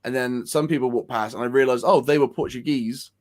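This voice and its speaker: A young man co-hosting a casual football fan show, talking in halting bursts with many restarts. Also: mid-range voice, fairly even intonation, a little mellow. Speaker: co-host of a football fan channel. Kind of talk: casual chat.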